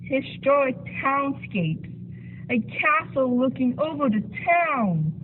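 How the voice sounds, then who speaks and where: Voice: high-pitched, very animated, takes it slowly, full character voice. A performer voicing a chatty, goofy sock puppet guide in a muffled voice, in an amateur puppet show. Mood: friendly, boastful. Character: chatty sock puppet showing a newcomer around town. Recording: tinny phone-like sound, faint noise.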